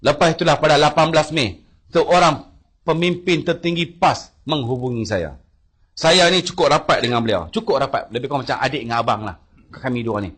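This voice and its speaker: A man's voice: mid-range voice, a little fast, fairly bright tone, breathy edge. A man with a Malaysian Malay accent giving a public speech, telling a personal account with emphatic storytelling and English words mixed in. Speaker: speaker addressing a rally audience.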